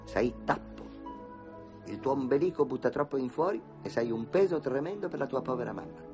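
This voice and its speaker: A man's voice: medium pitch, brisk, natural voice. An actor dubbing a teasing, wisecracking male ghost hunter. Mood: teasing, gentle. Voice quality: joking, playful, lively. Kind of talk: dubbed film acting. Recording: dull dubbed film audio with music.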